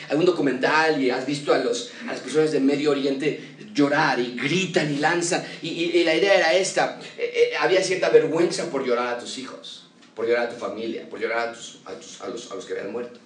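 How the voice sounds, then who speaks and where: A man preaching an expository sermon, emphatic and full of rhetorical questions, with a pace that swings from quick to slow. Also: fairly high pitch, a bit bright, roomy sound, far from the mic. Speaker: pastor.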